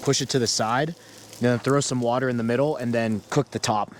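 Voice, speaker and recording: This camping vlogger speaks fairly quickly in a steady, mid-range voice, chatting to camera as he cooks breakfast at a mountain campsite and then inside a tent. Slight background noise can be heard.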